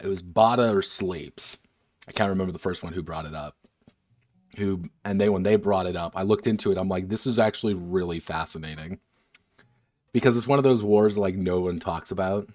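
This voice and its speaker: Low-voiced man rambling on a stream. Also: a little mellow, no room sound, clean studio sound. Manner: rambling, wandering asides with frequent restarts. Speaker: game designer streaming a workshop. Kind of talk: casual livestream chat.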